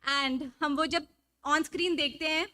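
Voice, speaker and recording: A woman's voice: sits high, steady tone, rapid-fire, pushed and bright. A woman with a North Indian accent hosting a live event, introducing guests in an effusive, enthusiastic style. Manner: effusive, gushing. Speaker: event host introducing panelists. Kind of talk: enthusiastic live stage presenting, mixing English and Hindi.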